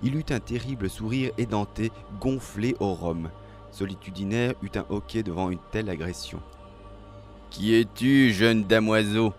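A man reading a dramatic story aloud in a slow, measured, expressive way. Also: lowish voice. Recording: faint music behind.

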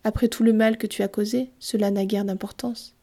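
A woman's voice: medium pitch, level tone, brisk, warm tone, close to an everyday voice. A woman voicing a sullen, grumpy young boy in a storybook reading. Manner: sullen and curt.

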